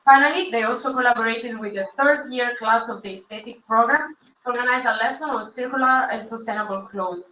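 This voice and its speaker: A woman's voice: fairly high pitch, a little fast, sharp tone, a little hiss or hum. A woman with as her language hosting a live-streamed awards ceremony, speaking hesitantly with repeated words. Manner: hesitant, repeats words, non-native phrasing. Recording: echoey hall from far off.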